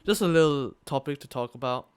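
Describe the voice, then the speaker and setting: A young man who lives and attends school in Thailand co-hosts a casual podcast, telling a rambling story full of fillers, restarts, and frequent swearing. His voice is medium-pitched, expressive, and smooth, a little fast, and has no echo.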